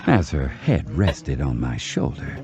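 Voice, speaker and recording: A man voicing a gruff cartoon crocodile detective, narrating his case in a gravelly voice over music. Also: a bass voice, big pitch swings, a little slow, exaggerated voice. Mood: storytelling. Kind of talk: noir-like scripted narration. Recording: clear music under narration.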